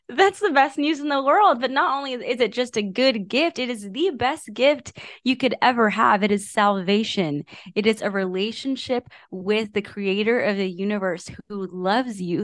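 A woman's voice: a little high, moderate pace, dry recording, studio quality. A woman co-hosting a Bible study podcast, bubbly and enthusiastic with casual fillers. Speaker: podcast co-host.

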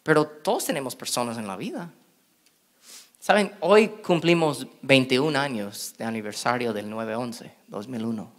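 A middle-aged man preaching a sermon in an animated way, acting out quoted voices with big jumps in pitch. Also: a little slow. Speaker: pastor.

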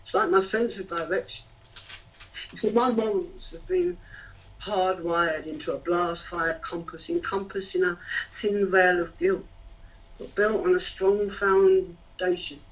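High-voiced man performing rhyming spoken word. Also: steady tone, measured pace, pauses often. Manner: rhythmic rhyming delivery, hesitant with fillers between poems. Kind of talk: spoken-word poetry performance and casual chat. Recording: distant, dull lo-fi sound.

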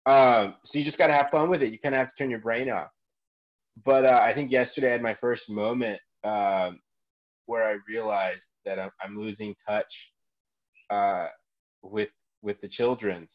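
A man in his twenties, a gym coach appearing as a guest, tells a story in casual chat, animatedly acting out people's reactions as he goes. His voice is on the low side at a moderate pace, and the sound is lo-fi.

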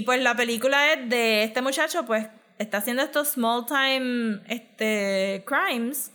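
Bright-voiced chatty woman. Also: mid-range voice, clear, resonant tone. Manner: chatty, mixes in English words, frequent fillers and laughs. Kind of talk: casual chat, film recap.

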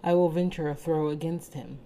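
A woman's voice: low-pitched, fairly even intonation, brisk, dark tone, a little hiss or hum. A woman voicing a bold, teasing male adventurer who talks in a boastful, mocking way, read aloud from a storybook.

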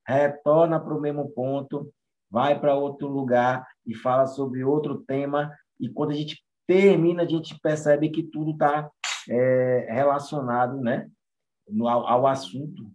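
A man chatting casually as a co-host, speaking hesitantly with many pauses and restarts. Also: on the high side, a little mellow. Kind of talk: casual chat.

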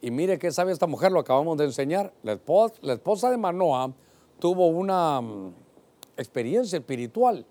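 High-voiced, mellow-toned male pastor. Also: moderate pace. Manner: animated, addresses listeners directly. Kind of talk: Bible-teaching sermon.

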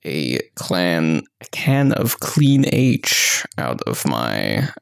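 A man playing a tabletop game, speaking slowly and gravelly with wide pitch swings. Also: huge pitch swings, no room sound, studio quality. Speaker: player.

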